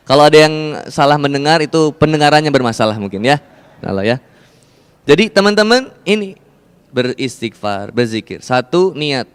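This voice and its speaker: Lively Sundanese-accented male preacher, smooth high voice, hall reverb. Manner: animated, jokey, shifts into Sundanese asides, swings between loud and soft. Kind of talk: lively sermon to motorbike drivers.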